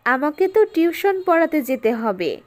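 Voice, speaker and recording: A spirited young woman student with a quick, scolding tongue, as a woman reader puts her on. She talks back with indignant bite in a bright, fairly high voice in a storybook reading. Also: very animated. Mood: teasing, scolding.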